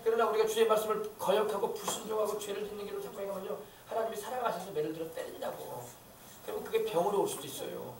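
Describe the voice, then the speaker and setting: Fast, high-voiced pastor preaching fervently. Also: male voice, fairly even intonation, crowd noise. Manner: fervent, emphatic preaching with rhetorical questions. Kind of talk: sermon. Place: church sanctuary. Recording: echoey church hall, mic at a distance.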